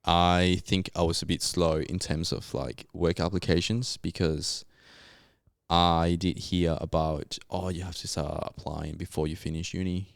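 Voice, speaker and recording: A young Colombian man, a native Spanish speaker and geologist, tells his story as a podcast guest in a casual, slangy, Australian-style way. His voice is deep and creaky, flat in delivery, at a measured pace. The studio recording is clean with no echo.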